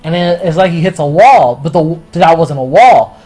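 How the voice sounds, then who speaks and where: A man casually reviewing a story in a rambling, profane, excitable way. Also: a little high, moderate pace, soft background music. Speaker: anime and manga reviewer.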